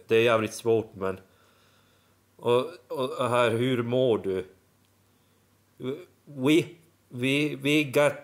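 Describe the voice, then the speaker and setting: A young man vlogging casually, halting and restarting often as he tries out new words. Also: lowish voice. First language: Swedish and Finnish. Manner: halting, full of restarts and fillers, sounding out foreign words. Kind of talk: casual vlog.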